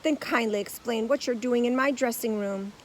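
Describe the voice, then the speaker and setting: A woman voicing a pompous, booming grand old male stage actor who talks gruffly and theatrically in a storybook. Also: moderate pace, slight background noise, natural voice.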